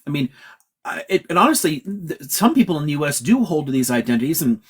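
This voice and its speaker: A man's voice: on the high side, expressive, quick pace, breathy edge. A man from California, a professor hosting a livestream Q&A, explaining ideas emphatically in a lecturing way and swearing casually. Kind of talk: livestream lecture-style chat.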